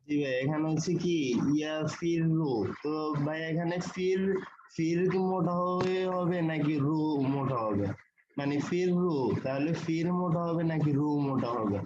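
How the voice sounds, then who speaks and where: A man's voice: fairly high pitch, normal speed. Polite male student on a call. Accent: Bangladeshi Bengali. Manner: polite, calls the teacher brother. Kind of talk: asking questions in an online class. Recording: dull call audio with faint noise.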